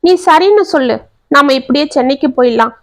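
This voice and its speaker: A woman's voice: high-pitched, expressive, brisk, dry recording. A woman voicing a heartbroken young man pleading with the woman he loves. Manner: pleading, emotional.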